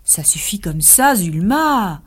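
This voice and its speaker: A woman's voice: medium pitch, sing-song, takes it slowly, slightly rough, heavily acted. A woman voicing a stern, exasperated married man in a radio story reading, curt and commanding.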